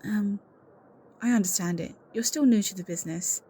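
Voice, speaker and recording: In a scripted, one-sided audio roleplay, a woman plays an anxious, suspicious secretary who speaks earnestly, confidingly and insistently. Her natural, medium-pitched voice is warm with a breathy edge, at a moderate pace.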